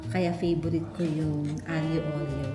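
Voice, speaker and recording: An echoey room recording with music carries a woman vlogger with a Filipino accent. Her voice sits a little low for a woman. She chats casually to viewers about what she is eating, switching easily between languages. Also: little pitch movement, a little slow. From Philippines. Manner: chatty, eating while talking, code-switching. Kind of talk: casual food haul and mukbang chat to viewers.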